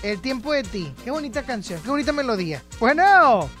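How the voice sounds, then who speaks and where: A woman hosting a radio show, bantering and teasing callers with playful, loud bursts of enthusiasm. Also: on the high side, big pitch swings, a little fast, soft background music. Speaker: radio host.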